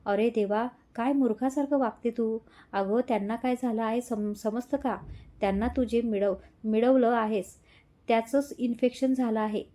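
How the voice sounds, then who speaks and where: A woman voicing a caring young woman friend who comforts and gently scolds. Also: a little high, fairly even intonation, moderate pace, close to an everyday voice. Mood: scolding. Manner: soothing, a little scolding.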